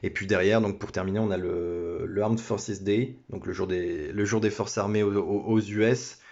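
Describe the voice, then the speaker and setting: A man's voice: on the low side, fairly even intonation, normal speed, darkish tone. Man hosting a card break on a lo-fi phone. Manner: hesitant, many restarts and apologies. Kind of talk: casual card-opening commentary. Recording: dull lo-fi phone audio.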